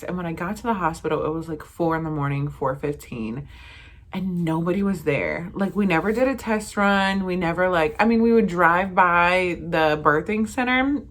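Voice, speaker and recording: A young woman in her twenties, chatting casually to camera as a vlogger, animated and full of fillers as she acts out what everyone said. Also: on the low side. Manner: animated, lots of fillers and acted-out quotes.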